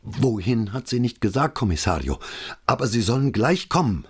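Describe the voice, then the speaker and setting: A man's voice: medium pitch, big pitch swings, normal speed, husky, pitched above the performer's own voice. A man voicing a flustered, out-of-breath police sergeant who stammers out an urgent report. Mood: breathless.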